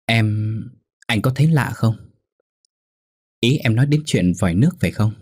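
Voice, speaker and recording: A man's voice: on the low side, lively intonation, normal speed, a little mellow, breathy edge, no echo, clean studio sound. A man voicing a frightened middle-aged wife who talks anxiously and stammers.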